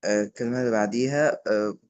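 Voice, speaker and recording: Hesitant Egyptian student, low and dull. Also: male voice, racing, darkish tone, no room sound. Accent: Egyptian Arabic. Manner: hesitant, starts with "aah" before answering.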